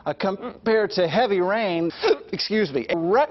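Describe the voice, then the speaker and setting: A man giving a live TV weather report, halting and excusing himself with hiccups. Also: sits high, animated. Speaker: weather forecaster. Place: TV studio. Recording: muffled TV clip.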